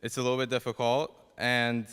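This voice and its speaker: A man's voice: mid-range voice, completely flat delivery, brisk, a bit bright, clear, resonant tone. A young man with a Persian accent giving a prepared ceremony speech as a student class president, self-deprecating and a little nervous. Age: young adult. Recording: reverberant hall, PA-like echo.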